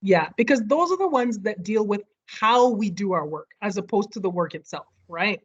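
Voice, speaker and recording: A woman's voice: medium pitch, lively intonation, moderate pace, husky. Woman, study group leader, explaining step by step, muffled video call audio. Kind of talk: leading an online study group. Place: home near street fireworks.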